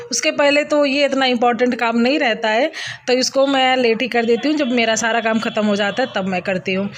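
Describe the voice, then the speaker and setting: A woman's voice: on the high side, a little hiss or hum. Chatty young woman narrating her cooking. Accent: Uttar Pradesh Hindi. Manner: chatty, explains each step with fillers. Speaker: vlogger. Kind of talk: casual cooking vlog narration. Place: home kitchen.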